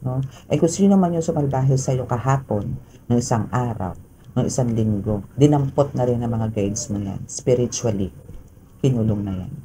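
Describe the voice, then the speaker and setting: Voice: mid-range voice, normal speed, warm tone, slight background noise, low-quality recording. A tarot reader with a Filipino accent gives a casual spoken reading, chatty and full of tag questions and fillers.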